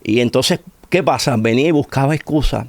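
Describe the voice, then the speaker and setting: Speaking fairly quickly in a mid-range voice, an interview guest from Puerto Rico recounts his personal testimony. He's middle-aged, has a Puerto Rican Spanish accent, and repeats phrases for emphasis as he talks. There's no echo on the recording.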